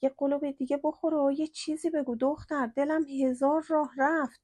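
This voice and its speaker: Lady putting on a fretful older housewife, loud and high, bossing and scolding, dry close sound. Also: fairly even intonation, no echo, natural voice. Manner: scolding and fretful, quick exclamations.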